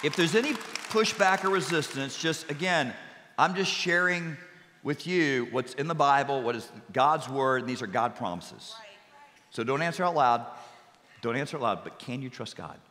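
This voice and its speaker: Emphatic bright-voiced pastor in echoey hall. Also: male voice, medium pitch, expressive, moderate pace, some chatter behind, slight background noise. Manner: emphatic, repeats key phrases, leads congregation responses; jokey asides. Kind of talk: sermon. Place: church sanctuary with congregation.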